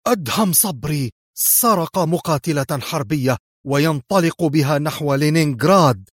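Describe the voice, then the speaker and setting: A man's voice: mid-range voice, normal speed, dry recording, clean studio sound, lightly acted. A man reading a storybook voices a ruthless, furious spy-ring boss who barks harsh, contemptuous orders.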